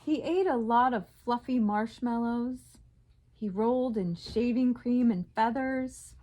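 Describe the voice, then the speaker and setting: Lady teacher reading a kids book out loud, slow and expressive, kinda high voice. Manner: slow, expressive storytelling with soft dips on tag lines. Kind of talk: picture-book read-aloud.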